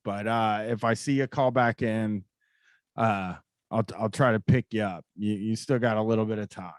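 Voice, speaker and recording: A man's voice: lowish voice, fairly even intonation, normal speed, no echo, studio quality. An American man hosting a call-in show, talking in a casual, rambling, informal way with some swearing.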